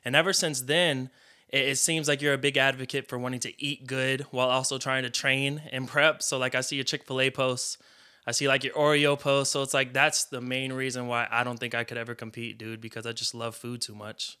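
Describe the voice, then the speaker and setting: A man's voice: mid-range voice, flat delivery, a little fast, sharp tone, clean tone. A man hosting a podcast, asking questions in a casual, chatty way full of filler words. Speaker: podcast host. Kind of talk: casual interview.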